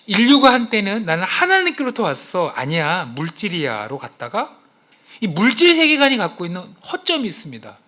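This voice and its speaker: Speaking briskly in a high-sitting voice, a man delivers a sermon to his church congregation in the sanctuary. As their pastor, he animatedly performs quotes and exclamations while quizzing the crowd.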